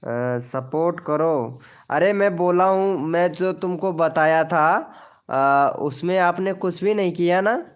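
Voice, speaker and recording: Young man, clean clear voice, slightly high, live-stream host chatting with viewers. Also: takes it slowly, dull audio. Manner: chatty, greets viewers by name and reads out chat. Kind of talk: casual live-stream chat.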